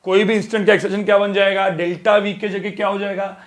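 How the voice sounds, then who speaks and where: A high-voiced male physics teacher lecturing a class. He keeps asking the students questions and slowly repeats each formula so it sticks. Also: little pitch movement.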